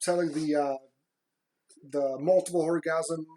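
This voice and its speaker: A woman with a low-pitched voice talks casually as a podcast co-host. She speaks in a halting way, doubling back on words as she chats. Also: steady tone, mellow.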